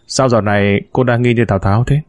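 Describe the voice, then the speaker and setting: A man voicing a smooth-talking scheming husband, a con man who speaks in a glib, persuasive way, in a spoken story. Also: mid-range voice, steady tone, quick pace, no room sound, clean studio sound, natural voice.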